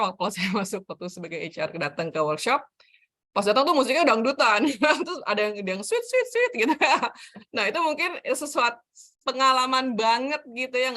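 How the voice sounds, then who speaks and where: A woman's voice: medium pitch, fairly bright tone. A middle-aged woman giving a chatty, anecdote-filled career talk over a video call. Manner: chatty, anecdotal, laughs between stories. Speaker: HR trainer, session speaker.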